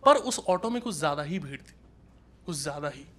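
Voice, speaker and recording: With a slightly high, fairly bright voice and lively intonation, this comedian from Uttar Pradesh, India, speaks fairly quickly through conversational stand-up stories, acting out dialogue. He performs on a handheld mic at a small indoor club, recorded live amid audience laughter and noise.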